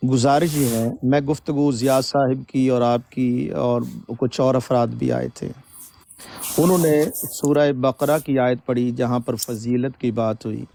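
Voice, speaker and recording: A man's voice: mid-range voice, steady tone, vocal fry, warm tone. A man in a heated debate who keeps insisting on his turn to speak and to lay out his argument.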